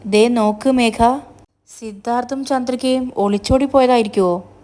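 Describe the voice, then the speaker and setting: A woman's voice: fairly high pitch, fairly even intonation, moderate pace, lightly acted. A woman doing a suspicious gossiping grandmother. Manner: hushed, suspicious, insinuating. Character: scheming older grandmother, gossiping.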